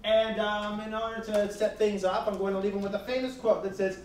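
High-voiced man, brash campy improv host, echoey far-off room, noisy. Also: level tone, brisk. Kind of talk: live stage improv. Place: small club stage.

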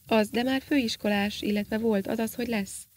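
A woman's voice: on the high side, steady tone, darkish tone, slight background noise, close to an everyday voice. A woman reading as a reluctant, uneasy astronaut. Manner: hesitant, reluctant. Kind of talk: audiobook character reading.

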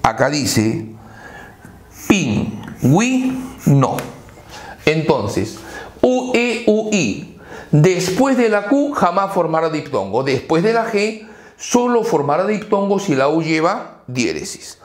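A male teacher lecturing slowly, stretching out example words and letting his voice rise and fall widely. He asks questions and answers them himself. The sound is roomy and echoey. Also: fairly high pitch, big pitch swings, a little hiss or hum. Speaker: language teacher. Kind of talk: exam-prep lecture. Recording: echoey room.

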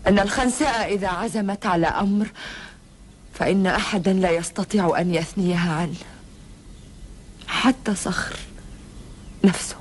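An actress playing a proud, sorrowful, iron-willed Bedouin woman in a historical TV drama, speaking formal Arabic gravely and deliberately. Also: mid-range voice, close to an everyday voice. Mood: resolute, grave. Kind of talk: solemn classical Arabic historical TV drama acting. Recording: old TV soundtrack with background noise.

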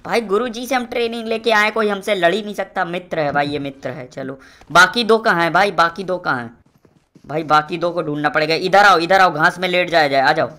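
A young male gaming streamer gives live gameplay commentary in a high, fairly quick voice. Excitable and boastful, he swears at opponents and shouts out calls to his teammates.

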